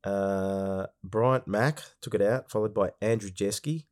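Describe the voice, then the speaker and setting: Man, Australian accent, lowish pitch, stuffy with a cold, casual podcast host monologue. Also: steady tone, takes it slowly, a little mellow. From Melbourne, Australia. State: congested with a cold.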